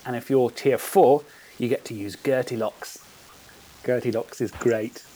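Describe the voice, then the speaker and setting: A man hosting a casual podcast, chatting in an animated way and explaining things at length. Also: mid-range voice, a little slow, low-quality recording. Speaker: podcast host.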